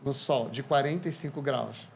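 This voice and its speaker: A Brazilian man, a podcast guest, telling lively anecdotes in casual conversation. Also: mid-range voice, normal speed, gravelly, a little hiss or hum. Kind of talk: casual storytelling.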